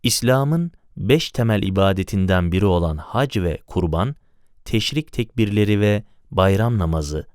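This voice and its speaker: A man narrates an audiobook in a measured, formal reading voice. His tone sits on the lower side and comes across smooth and resonant. The close studio recording is dry, with no room sound. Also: animated, darkish tone, no room sound.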